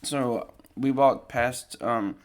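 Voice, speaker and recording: A man's voice: mid-range voice, drawn-out words. Rambling young man telling a story. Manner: rambling, with many ums and restarts; shows photos while talking. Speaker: podcast host. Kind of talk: casual storytelling monologue.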